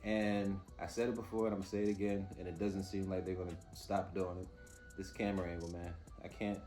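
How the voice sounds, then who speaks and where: A man's voice: sits low, level tone, brisk, warm tone, soft background music. A man giving a casual, off-the-cuff TV review, informal and opinionated as he mulls things over aloud. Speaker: host reviewing TV episodes.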